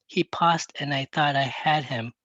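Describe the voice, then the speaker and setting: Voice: mid-range voice, a little slow, no echo, highs cut off. Reader telling a wry first-person story. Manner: plain, even narration with a teen's wry asides. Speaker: audiobook reader.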